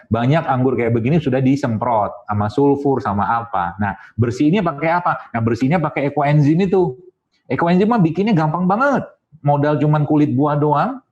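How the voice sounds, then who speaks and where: Through dull lo-fi sound, a man with a mid-range, darkish voice delivers a jokey, casual health talk to an audience. He is an Islamic health speaker who mixes in sound effects and quoted voices.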